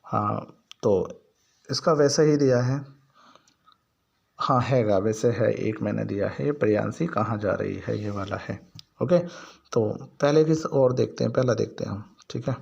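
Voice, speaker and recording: A man teaching a grammar lesson, explaining step by step and asking and answering his own questions while he repeats example sentences slowly. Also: fairly low pitch, vocal fry, a little mellow, husky, dull audio. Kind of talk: Hindi grammar lesson for learners.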